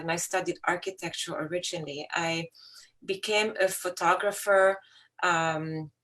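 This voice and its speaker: A middle-aged woman from Lebanon speaks as an invited artist. Her voice sits a little low, and she talks in a relaxed, conversational way, often restarting her sentences. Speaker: artist guest. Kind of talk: casual spoken talk about her work.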